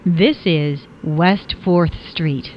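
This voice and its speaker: A woman's voice: on the low side, extremely slow. A woman reading scripted automated subway stop announcements in clipped, pieced-together phrases. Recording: dull, lo-fi announcement audio.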